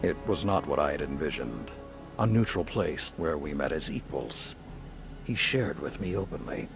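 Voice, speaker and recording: An actor playing a stern, battle-hardened old warlord commander in a video game, solemn and weighty, with a deep gravelly voice. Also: male voice, fairly bright tone, slight background noise, full character voice. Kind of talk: dramatic video game dialogue. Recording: music behind the voice.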